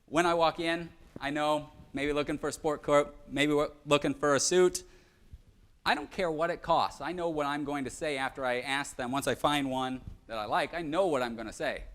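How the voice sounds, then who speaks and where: A man's voice: on the high side, normal speed, fairly bright tone. A young man giving a live presentation, telling self-deprecating stories with humor. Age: young adult. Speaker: conference speaker.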